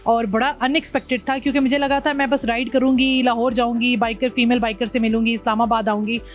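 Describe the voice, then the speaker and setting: A woman from Pakistan talks through her long motorbike ride in an interview, her voice a touch high and her telling animated. She drops English words into her sentences. Soft music plays underneath. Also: fast talker. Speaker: motorbike traveller, guest. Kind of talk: interview conversation.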